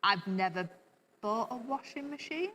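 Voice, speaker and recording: A woman's voice: on the high side, animated, measured pace, bright, forceful tone, big-room sound, slight background noise. A young woman co-hosting a casual live quiz stream, chatty and giggly, with frequent exclamations. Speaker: co-host.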